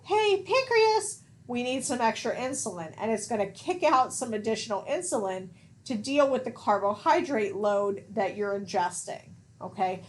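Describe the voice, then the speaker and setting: Woman nursing instructor, slightly high voice, casual recorded lecture, keeps asking "okay?". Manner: casual teaching, frequent "okay?" check-ins.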